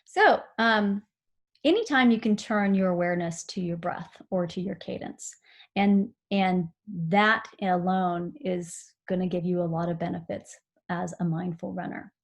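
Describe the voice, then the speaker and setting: A woman giving a recorded seminar on mindful running, explaining calmly with frequent fillers. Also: on the low side, unhurried. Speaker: running instructor.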